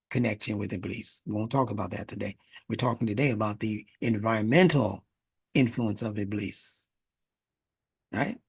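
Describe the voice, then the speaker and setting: A man's voice: mid-range voice, breathy edge, dry recording. A male instructor giving an emphatic spiritual lecture, breaking words apart to explain their origins.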